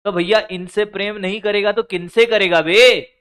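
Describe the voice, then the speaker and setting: Bright, forceful Hindi-speaking physics teacher. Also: male voice, high voice, fairly even intonation, normal speed, clear, resonant tone. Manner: scolding, colloquial, addresses students as brother and son. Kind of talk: exam strategy lecture.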